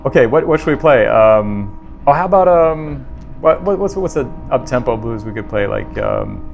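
A man talks easily into a talk mic at home while hosting a livestream. His voice sits at a middle pitch, and faint music hangs in the background as he reads out comments. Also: normal speed, creaky, muffled recording. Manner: relaxed, reads viewer comments aloud. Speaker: livestream host and pianist. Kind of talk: casual chat. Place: home apartment studio.

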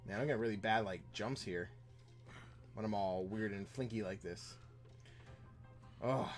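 A man's voice: lowish voice, a little slow, faint music behind. A man streaming a video game, chatting casually with viewers as he plays. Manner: rambling, chatting with viewers while playing. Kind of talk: casual gameplay chat.

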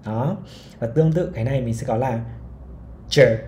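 Man coaching pronunciation slowly and patiently. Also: mid-range voice, dark tone, reverberant, a little hiss or hum. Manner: patient, repeats sounds several times, models words slowly. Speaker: English pronunciation teacher. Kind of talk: pronunciation lesson with slow modeled examples.

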